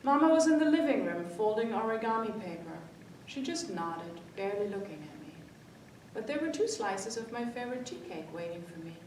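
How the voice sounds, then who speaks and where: Reading to children at the library, a woman uses a sing-song, slightly mellow voice and a fairly quick pace, acting out the dialogue with expression. The recording sounds echoey and distant, with faint rumbly noise.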